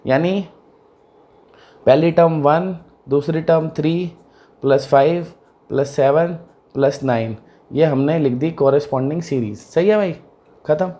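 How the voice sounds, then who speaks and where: Unhurried and warm, with long pauses, a slightly high male voice leads a math lesson in an easy, conversational manner. He regularly asks the students if they're keeping up, repeating those questions to confirm understanding.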